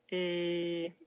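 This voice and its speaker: A Finnish jazz saxophonist giving halting interview answers in a learned language, pausing often to search for words. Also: medium pitch, no echo. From Finland. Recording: tinny phone-like line.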